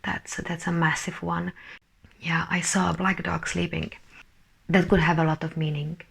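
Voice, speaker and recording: A woman giving a casual spiritual energy update as a channeller, talking haltingly, searching for words and often dropping to a soft whisper. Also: lowish voice, level tone, gravelly, husky.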